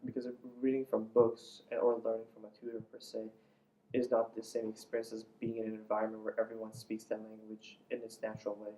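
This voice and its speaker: A young Iranian man whose native language is Farsi answers as an interview guest, earnest and slightly formal as he explains things. His voice is fairly low, monotone and dark, and he talks fast. The mic is distant, with faint background noise.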